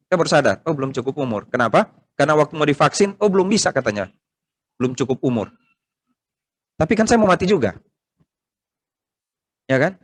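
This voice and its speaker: A middle-aged man, preaching a conversational sermon and asking the congregation questions, loud emphatic bursts giving way to quiet asides. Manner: swings between loud rising emphasis and quiet low asides. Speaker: pastor. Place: church service hall, streamed online.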